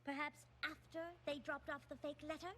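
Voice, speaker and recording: A woman's voice: high voice, flat delivery, normal speed, natural voice. A woman voicing a refined, confident cartoon pony sleuth with a precise, theatrical manner. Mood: confident, accusing. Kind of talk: animated series dialogue.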